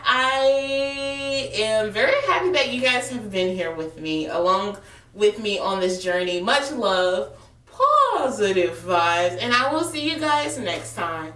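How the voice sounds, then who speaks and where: A woman's voice: medium pitch, a bit bright, roomy sound, recorded from a distance. A woman hosting her channel, chatting casually to viewers in a playful, informal, slangy way. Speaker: tarot channel host.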